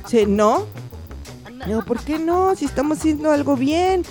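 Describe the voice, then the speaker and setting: Animated woman telling a story. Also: high voice, moderate pace, faint music behind. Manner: animated, acts out the voices of people in her story. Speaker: interview guest. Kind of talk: casual anecdote telling.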